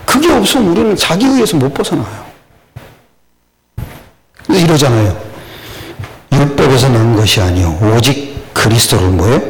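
An older man preaching a sermon, questioning the congregation and swinging between loud rises and low murmurs. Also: sing-song, moderate pace, pauses often, low-quality recording. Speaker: pastor.

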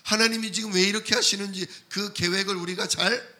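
A man delivers a sermon in a high, strikingly bright voice. He keeps asking his listeners questions and answers them himself. Now and then he acts out quoted complaints and replies. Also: fairly even intonation, brisk. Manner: call-and-response questions to the congregation. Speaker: pastor.

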